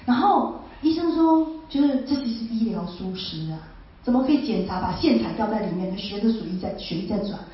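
A fairly high-voiced woman tells her story as a heartfelt testimony, often repeating herself and turning to the listeners with questions. She is heard from a distance in a large, strongly echoing hall. The sound is a little dull. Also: lively intonation, fairly quick. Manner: repeats phrases and asks listeners rhetorical questions.

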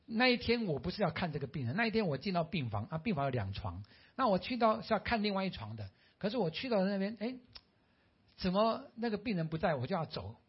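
Earnest man with a husky voice. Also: big pitch swings, quick pace, highs cut off. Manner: earnest storytelling, rising pitch at key moments. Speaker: preacher and former physician.

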